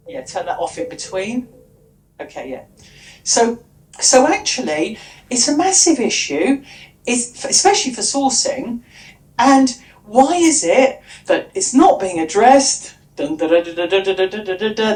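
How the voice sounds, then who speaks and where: A woman's voice: fairly high pitch, darkish tone. A woman speaking at a conference as a workshop trainer, chatty, with frequent restarts and asides. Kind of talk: lively conference presentation. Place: conference room. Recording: echoey room.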